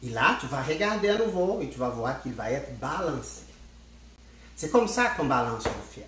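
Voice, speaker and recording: A man's voice: mid-range voice, sing-song, moderate pace, background noise. A man gives a casual spinning tutorial on a livestream. He speaks straight to his viewers and often repeats and restarts his words. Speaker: spinning instructor. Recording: echoey room.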